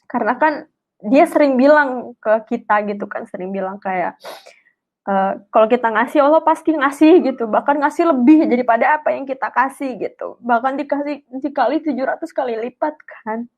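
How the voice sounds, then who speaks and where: A woman's voice: sits high, moderate pace, lo-fi sound. A young woman, telling a personal story in a chatty, heartfelt way on a live stream. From Indonesia. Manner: chatty, emotional testimony with slang and fillers. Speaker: speaker sharing a personal story.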